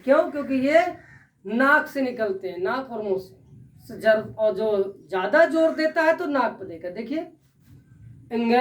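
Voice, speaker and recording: A woman teaching a Sanskrit grammar lesson, asking her students questions and then answering them herself. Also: a little high. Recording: echoey room, voice from far off.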